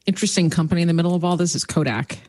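A woman's voice: on the low side, very fast, mellow, dry recording, clean studio sound. A woman guest on a casual tech panel, talking loosely and thinking aloud. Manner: conversational, thinks aloud with fillers like "like".

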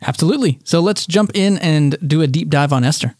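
A man's voice: on the high side, expressive, a little fast, darkish tone, no echo, faint music behind. A man hosting a podcast, interviewing in a casual, conversational way. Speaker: podcast host.

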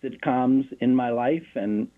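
A man's voice: mid-range voice, measured pace. Male author guest, calls in on a tinny phone line with a mains hum, easygoing and matter-of-fact. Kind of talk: phone interview. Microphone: telephone.

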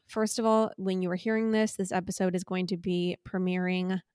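A woman's voice: steady tone, a little fast, darkish tone, clear, resonant tone, no echo, studio quality. Chatty enthusiastic woman podcast host. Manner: chatty, enthusiastic product pitching. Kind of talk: casual podcast chat.

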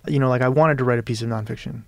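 Very fast and steady, the medium-pitched voice belongs to a Peruvian man guesting as a writer in a reflective interview. He thinks aloud, searching, restarting and adding "you know," with no room sound.

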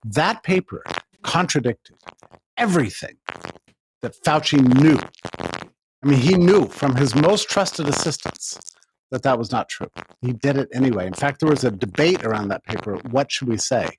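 A man's voice: mid-range voice, expressive, normal speed. A man speaking as a guest in a remote interview over a crackling, distorted USB microphone, making his points emphatically and asking rhetorical questions.

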